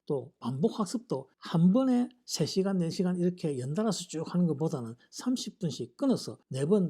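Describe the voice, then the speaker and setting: A man teaching English vocabulary in a lecture, reading English example sentences slowly and carefully. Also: on the high side, warm tone. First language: Korean.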